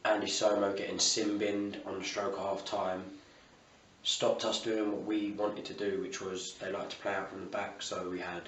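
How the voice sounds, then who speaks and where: Male football manager, south-east English British accent, low matey voice, interviewed on a distant mic. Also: flat delivery, normal speed, a bit bright. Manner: colloquial, matey, with frequent "you know". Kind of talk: post-match interview. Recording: roomy, distant mic, faint ambient noise.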